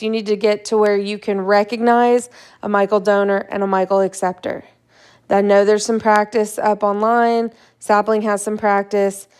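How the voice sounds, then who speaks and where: Clear-voiced woman lecturing on chemistry. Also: mid-range voice, a little mellow. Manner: casual, talks through steps with fillers and "right?" checks. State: tired, yawning. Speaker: chemistry instructor. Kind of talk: recorded lecture over slides.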